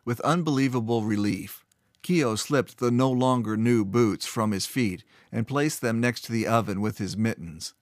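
A man narrating a fantasy story in a steady, measured way. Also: mid-range voice, no echo, studio quality.

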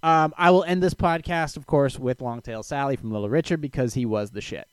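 A man's voice: mid-range voice, a little fast, clear, resonant tone, no room sound. A man hosting a podcast in a casual, chatty style, close on the microphone. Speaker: podcast host. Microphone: close studio microphone.

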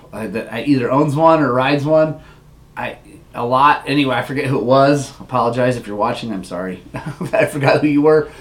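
A man hosting a casual livestream who rambles through a story, laughs often and reads viewer comments aloud. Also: mid-range voice. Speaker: livestream host.

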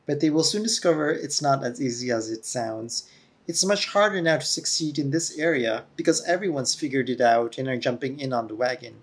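A medium-pitched man hosts a solo podcast, explaining things steadily in an earnest, lecturing tone. His camera-mounted mic makes him sound echoey, as though speaking through a tunnel, and there's some feedback.

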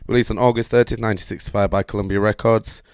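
A man's voice: lowish voice, little pitch movement, racing, a little mellow, clean tone. A man, co-hosting a casual podcast chat and reading through his notes with lots of fillers. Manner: rambling, reads notes aloud with fillers. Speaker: podcast co-host.

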